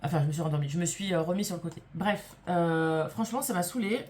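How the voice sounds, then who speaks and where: A woman's voice: on the low side, quick pace, noisy background. A woman vlogger telling a story to camera in a casual way. She is emphatic and indignant, swears freely, and acts out the people she quotes.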